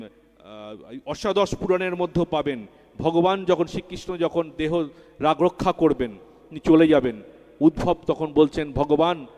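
A man's voice: a little high, a little mellow. A man preaching a devotional sermon with fervour, repeating key words and rising in emphasis, at a religious festival. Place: large hall at a religious festival. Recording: long hall reverb.

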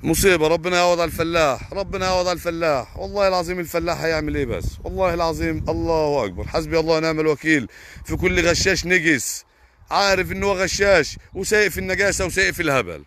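Fast, heated young Egyptian farmer. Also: male voice, fairly high pitch, a bit bright, a little hiss or hum. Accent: Egyptian Arabic. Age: young adult. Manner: heated, indignant, fast and emphatic with repeated oaths. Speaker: potato farmer streaming live. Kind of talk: live stream reading viewer comments.

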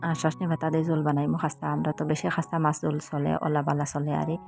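A woman's voice: deep voice, flat delivery, racing, creaky, over music. A woman in her thirties with a Sylheti accent, talking casually and earnestly to her viewers in a village vlog. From Sylhet region, Bangladesh. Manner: pleading, earnest. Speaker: village lifestyle vlogger.

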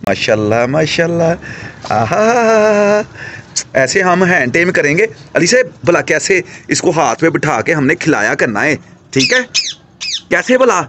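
A young man hosts a casual pet vlog at home, his voice pitched high and swinging widely as he chatters and coaxes the animals. He talks eagerly and warmly to the birds and his helper. A faint hum of home ambience sits behind him. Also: moderate pace. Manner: excited, chatty, coaxing the animals. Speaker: pet vlogger.

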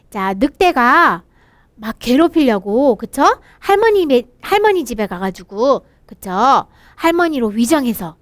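In a lively, high voice, a woman teaches children English from a storybook, reading lines aloud and then explaining each one. She speaks slowly and asks questions that she answers herself, on a dry recording with faint music underneath. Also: no echo.

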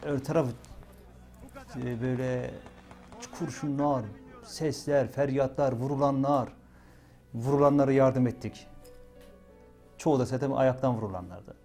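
A young man with a mellow, dark voice tells his story for a documentary, quoting what he said again and again with small repeated fillers. His pitch sits in the middle of the male range, and soft music plays faintly underneath. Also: fairly even intonation, a little slow, pauses often. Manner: retells events with many repeated "dedim" and "böyle" fillers. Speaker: witness interviewed for a documentary. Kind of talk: emotional first-person recollection.

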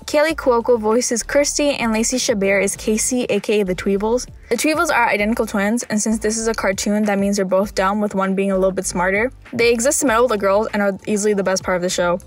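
A woman's voice: mid-range voice, fast, few pauses, faint music behind. A woman narrating scripted video commentary with dry, wry humour.

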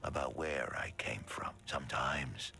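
An actor voicing a gentle, wistful old bearded man in a video game, speaking in a soft, hushed, gravelly voice. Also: a bass voice, unhurried, faint music behind, heavily acted. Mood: sorrowful. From Hungary.

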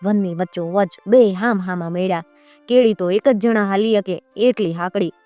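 A woman narrates a folk tale in a measured, rhythmic cadence. Her voice is smooth and mid-pitched, recorded close and dry with soft music beneath. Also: no echo. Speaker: storyteller.

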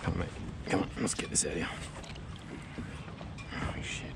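A man fishing from a kayak, muttering excited commentary to himself and the fish, recorded on an action camera out on the harbour. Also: low-pitched, normal speed, creaky. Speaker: kayak angler filming himself. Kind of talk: casual self-talk vlog. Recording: loud wind and water noise outdoors. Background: loud water and boat noise.

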